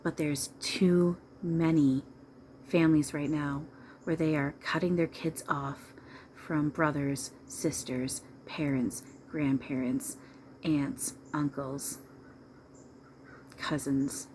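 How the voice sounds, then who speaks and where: A woman's voice: low voice, fairly even intonation, takes it slowly, darkish tone, a little hiss or hum. A woman speaking as a trance medium channeling a spirit, giving informal, emphatic, repetitive counsel straight to listeners. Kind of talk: seance medium channeling, informal advice monologue.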